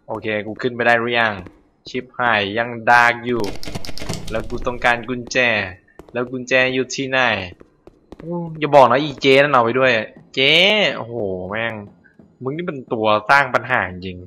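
A male gameplay host playing a horror game, loud and jokey, swearing and shouting at the characters on screen. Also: medium pitch, a little hiss or hum.

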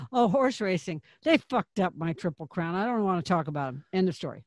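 A woman's voice: on the low side, lively intonation, brisk, darkish tone, no room sound. A woman co-hosts a loose, casual podcast chat. She is blunt and jokey and swears without a second thought. Her voice sounds dry and close, with no room around it. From Phoenix area, Arizona. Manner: joking, blunt, swears freely. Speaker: podcast co-host.

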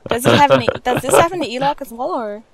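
High-voiced giggly woman gaming. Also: lively intonation, quick pace, vocal fry, a crowd in the background. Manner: giggly and teasing. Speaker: gamer, channel host. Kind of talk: casual multiplayer gaming chat.

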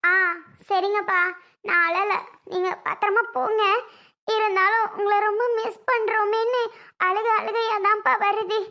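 A woman voicing a tearful young daughter with a gravelly edge, talking in a weepy, pleading way. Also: very high voice, little pitch movement, a little slow, bright, forceful tone, exaggerated voice. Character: tearful young adult daughter, soft-hearted student. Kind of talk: comedic family skit acting.

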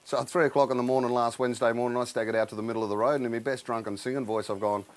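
A man's voice: mid-range voice, steady tone, rapid-fire. A man with an Australian accent doing crude, laconic stand-up comedy.

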